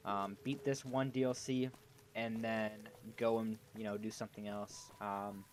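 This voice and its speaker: A man's voice: lowish voice, level tone, measured pace. A man talking casually over livestream headset audio as he plays a game, rambling and thinking aloud. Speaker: streamer. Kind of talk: casual gaming livestream commentary. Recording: clear background noise.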